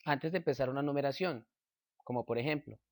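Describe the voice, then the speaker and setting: A man reading a grammar lesson aloud at a slow, measured pace, giving example sentences. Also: medium pitch, no room sound, clean studio sound. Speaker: teacher.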